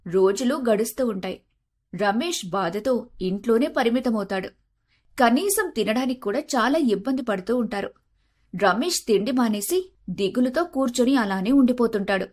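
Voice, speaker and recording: A woman narrating an animated family moral tale in a steady, plain manner. Her voice sits fairly high and keeps an even storytelling pace. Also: normal speed.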